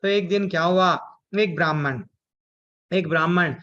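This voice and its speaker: Man, scripture class teacher, high bright voice, animated storytelling, muffled lo-fi audio. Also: measured pace. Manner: animated, asks and answers his own questions.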